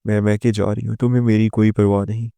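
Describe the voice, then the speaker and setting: A man voicing a terrified, paranoid young wife in a spoken moral story, his tone low and flat. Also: vocal fry, clear, resonant tone, no echo. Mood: frantic.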